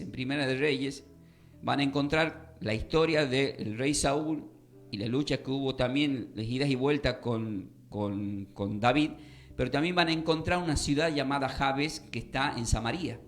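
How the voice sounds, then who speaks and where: In a radio studio, a man teaches a Bible class, quizzing his listeners and repeating key points for emphasis. His voice is medium-pitched with a fairly bright tone.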